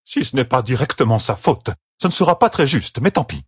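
A man's voice: mid-range voice, big pitch swings, brisk, slightly rough, no room sound, studio quality, pitched above the performer's own voice. A man reading a story aloud, voicing a stern elder wise woman who grumbles her demands.

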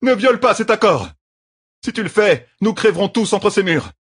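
A man voicing a desperate, defiant young male gambler who shouts heatedly. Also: medium pitch, expressive, normal speed, breathy edge, dry recording, studio quality, pitched above the performer's own voice. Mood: furious.

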